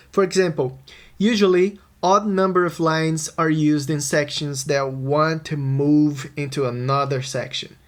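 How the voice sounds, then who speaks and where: A man, a music producer, narrating a scripted songwriting tutorial and answering his own questions. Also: a little high. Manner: explanatory, posing and answering questions.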